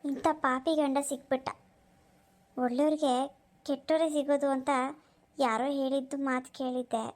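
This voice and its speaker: A woman's voice: high-pitched, fairly even intonation, moderate pace, darkish tone, natural voice. A woman voicing an outspoken village woman in a cartoon who lectures and scolds emphatically while standing up for her friend. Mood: earnest. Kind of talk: cartoon voice acting.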